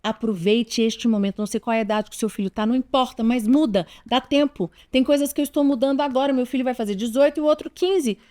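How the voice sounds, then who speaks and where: A woman's voice: a little high, quick pace, few pauses, a little mellow. A woman in her forties with a Brazilian Portuguese accent, giving parenting advice straight to her listeners in an earnest, emphatic way, often repeating her key points. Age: 40s. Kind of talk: direct-to-camera advice talk.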